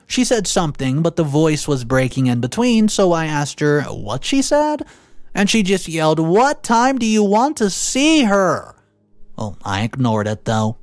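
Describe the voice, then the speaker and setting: Male narrator, mid-pitched, Reddit story reading, pitch jumps on emphasis, dry close mic. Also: no echo.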